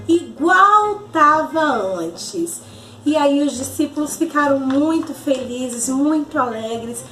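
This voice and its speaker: A woman teaching a children's Bible lesson, speaking in an animated, affectionate way and addressing the children directly. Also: high-pitched, reverberant. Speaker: children's Sunday school teacher.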